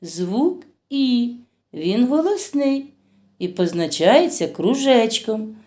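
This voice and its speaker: A kindergarten teacher with a fairly high, sing-song, darkish voice gives young children a phonics lesson. She slowly draws out each word as she sounds it, asks them questions and praises them.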